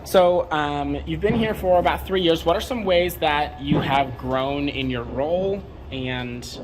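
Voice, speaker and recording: Man, casual interviewer, slightly high voice, recorded in a barn, noticeable animal noise behind. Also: measured pace. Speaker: host interviewer. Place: inside a working barn. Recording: noisy barn with animal sounds. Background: animals and farm noise.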